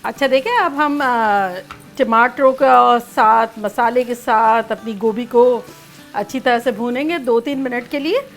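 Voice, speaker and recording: Speaking unhurriedly in a slightly high voice, a woman presents a home cooking demonstration over soft background music. Her manner is chatty and playful, and she walks through each step while singing little fragments of songs.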